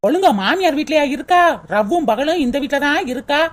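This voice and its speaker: A woman voicing a sharp-tongued young daughter-in-law in a cartoon, grumbling sarcastic asides. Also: high voice, lively intonation, a little fast.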